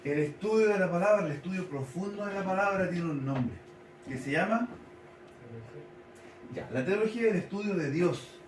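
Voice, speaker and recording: A man gives a teaching sermon in a slightly higher voice, slowing down to repeat and spell out key words. He sounds set back from the mic in an echoey church hall, with faint noise underneath. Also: lively intonation, recorded from a distance. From Chile. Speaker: pastor.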